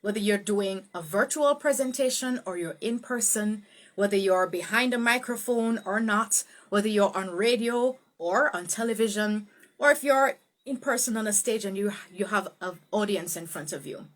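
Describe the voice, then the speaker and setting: A woman teaching a live online speech tutorial, greeting viewers and swooping her pitch up and down to show emphasis. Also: moderate pace. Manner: greets viewers by name, laughs easily. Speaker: speech coach.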